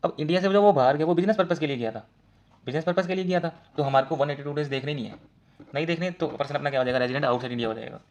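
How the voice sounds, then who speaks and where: A man's voice: on the high side, a little mellow. A man teaching an exam case study, talking directly to students as he works through answers. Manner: rapid, talks to students directly in mixed Hindi and English.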